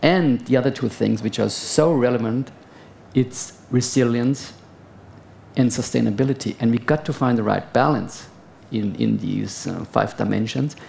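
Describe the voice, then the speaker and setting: A man's voice: medium pitch, gravelly, a little mellow, a little hiss or hum. A man in his fifties, a procurement executive, speaking emphatically on a conference panel with a lapel mic. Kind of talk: panel discussion answer. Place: conference stage, indoors.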